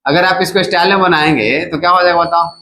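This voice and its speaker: Guy teaching chem, keeps going "what do we call it?", slightly higher voice, bit of hiss in the background. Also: fairly even intonation, quick pace, sharp tone, low-quality recording. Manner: keeps asking the class to repeat terms; casual, coaxing teacher talk. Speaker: chemistry teacher. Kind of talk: classroom lecture.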